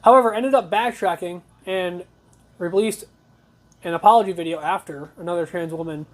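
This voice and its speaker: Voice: medium pitch, moderate pace. A talk show host giving blunt, conversational news commentary, reading reports aloud with opinionated asides.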